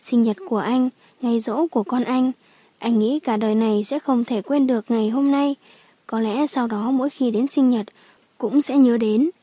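A woman's voice: on the high side, mellow, breathy edge, no room sound. A woman narrating a dramatic audiobook story in scripted, storytelling style.

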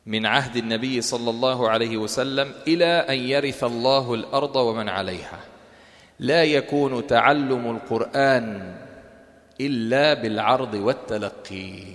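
A man with a Levantine accent leads an interactive religious lesson in everyday speech. He often throws questions to his listeners and answers them himself. His mid-pitched voice rings with long reverb from a lecture hall. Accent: Levantine Arabic. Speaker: Quran course teacher.

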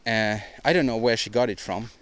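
A man's voice: lowish voice, a little fast. Male podcast host, solo monologue; rambling, opinionated, frequent restarts and repeats. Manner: opinionated, ranting delivery.

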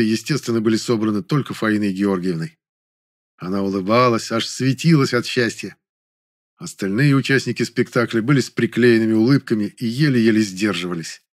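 A man narrating a novel in the first person, measured and wry. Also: on the low side. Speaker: audiobook narrator.

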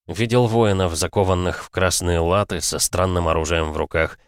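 Deep-voiced man narrating an audiobook. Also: fairly even intonation, moderate pace, no echo. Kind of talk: dramatic fiction narration.

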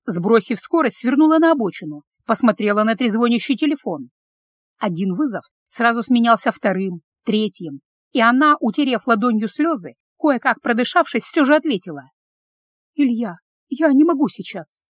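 A woman's voice: a little high, lively intonation, normal speed, dry recording. A woman narrating a dramatic audiobook story with emotion.

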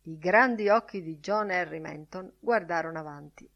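A woman reading a classic novel aloud in measured audiobook narration, lifting her voice for the quoted characters. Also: on the low side, lo-fi sound. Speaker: audiobook reader.

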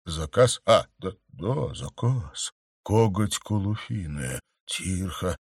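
A man's voice: low voice, lively intonation, slow pace, slightly rough, no room sound, clean studio sound, heavily acted. A man voicing a hot-headed fanged beast-man count who stammers and blusters, then turns cold and clipped. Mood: flustered stammer.

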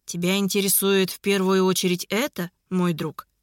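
A woman voicing a calm, ironic male emissary who mocks his rivals in a mentoring tone. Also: medium pitch, moderate pace, dry recording, clean studio sound, close to an everyday voice. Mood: mocking. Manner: mocking, mentoring tone. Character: ironic, cool-headed male emissary of darkness.

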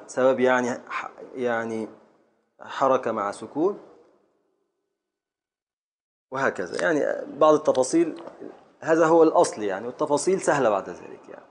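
Egyptian male sheikh, classroom teacher, mid-pitched voice, patient, calls on students by name. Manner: patient, scans verse aloud syllable by syllable and calls on students. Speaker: sheikh teaching Arabic grammar and prosody. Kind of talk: classroom lesson.

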